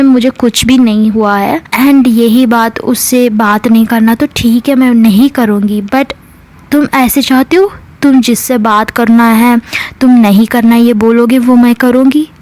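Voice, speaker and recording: A woman voicing a calm, reasoning young woman who pleads with her angry partner in a told love story. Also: on the high side, unhurried, natural voice. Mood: coaxing.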